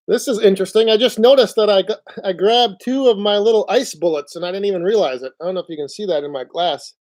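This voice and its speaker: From his home, a high-pitched man streams live on his phone at a brisk clip, chatting casually, wandering from topic to topic, and reading messages from viewers.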